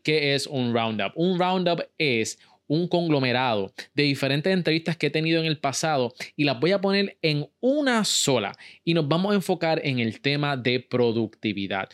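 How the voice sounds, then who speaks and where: A man hosting a business podcast, talking straight to his listeners in an energetic, motivational way. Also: mid-range voice, no echo, clean studio sound. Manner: motivational, direct address to listeners. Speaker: podcast host.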